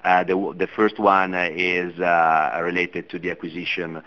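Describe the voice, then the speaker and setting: A man executive explaining financing slowly and haltingly on an earnings call. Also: low-pitched, level tone. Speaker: company executive. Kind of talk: earnings conference call answers. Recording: muffled line from far off.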